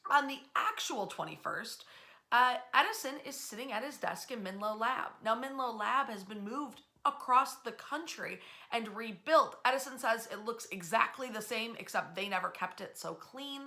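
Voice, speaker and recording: A woman whose voice is on the high side hosts an informal talk telling stories from history. She sounds conversational, throwing in spirited asides and stopping now and then for emphasis.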